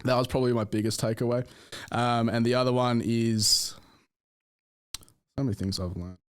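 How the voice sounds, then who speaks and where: A man's voice: medium pitch, steady tone, moderate pace, smooth. A man talking in a casual podcast conversation as a guest. He laughs often, swears casually and talks with many fillers and restarts. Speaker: podcast guest, business owner.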